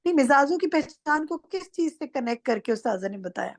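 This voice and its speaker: Her voice sits high and animated as she leads an online class, testing students with questions and firmly correcting their answers. The recording, made on an online class microphone, has no room sound.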